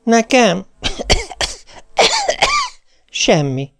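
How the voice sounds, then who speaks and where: A woman's voice: mid-range voice, lively intonation, vocal fry, voice pushed up. A man voicing a frail, tiny, hypochondriac wife who speaks faintly, stammering and out of breath. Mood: faint, whimpering.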